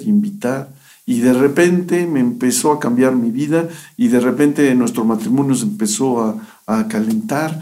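A man's voice: medium pitch, warm tone. A middle-aged man giving an earnest personal testimony in a radio interview, often acting out what he said back then. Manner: earnest storytelling, often re-enacting his own past words.

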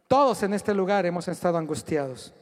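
A man preaching a sermon in a church, animated and joking, calling on the congregation to answer and repeat after him. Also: sits high, a little fast. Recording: long hall reverb.

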